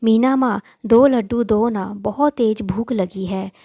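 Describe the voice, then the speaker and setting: A woman voicing a meek, sad young girl who pleads gently, in a storybook reading. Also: fairly high pitch, a little slow, vocal fry, no echo, studio quality. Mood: pleading. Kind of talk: storybook voice acting.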